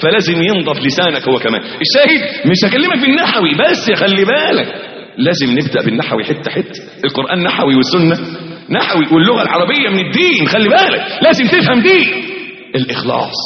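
A man preaching a lively sermon with an Egyptian accent. He swings from loud exclamations to soft asides and acts out little dialogues. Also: high voice, fast. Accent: Egyptian Arabic. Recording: echoey, reverberant, dull lo-fi hall recording.

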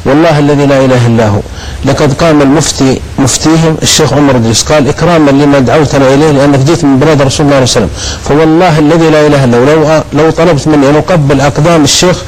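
A man telling anecdotes as a guest on a TV talk show, animated and acting out the people he quotes. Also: a little high, racing, poor audio. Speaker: guest preacher.

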